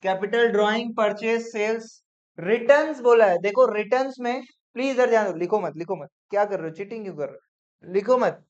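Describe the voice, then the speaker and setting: A man teaching accounts in a classroom lecture, brisk and coaxing, often checking whether students follow. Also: high voice. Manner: brisk, coaxing, peppered with "theek hai?". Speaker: commerce teacher. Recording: dull lo-fi classroom recording.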